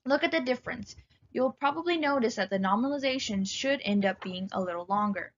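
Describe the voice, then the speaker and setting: Female writing instructor, clear and instructive, slightly dull lo-fi recording. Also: on the high side, lively intonation, brisk. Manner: clear, instructive, addresses students directly. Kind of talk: recorded lecture.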